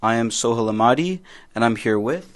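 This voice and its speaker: A young Canadian man co-hosts a casual podcast, speaking at a medium pitch in an animated, fairly quick way. He's friendly and tends to repeat himself and restart sentences.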